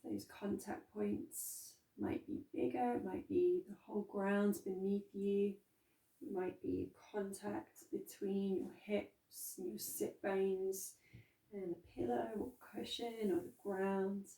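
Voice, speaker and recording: A woman guides a calm grounding exercise in a soft, dark-toned voice. She speaks very slowly and gently, leaving room between phrases. The sound is a little distant from the microphone. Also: medium pitch, gravelly. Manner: calm, gentle, unhurried instruction with soft pauses. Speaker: meditation and movement instructor. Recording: roomy echo, distant from microphone.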